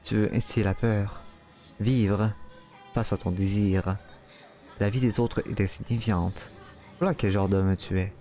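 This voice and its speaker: A man reading out a cruel, mocking male inner voice in a visual novel, taunting slowly and coldly. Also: lowish voice, fairly even intonation, dark tone, soft background music.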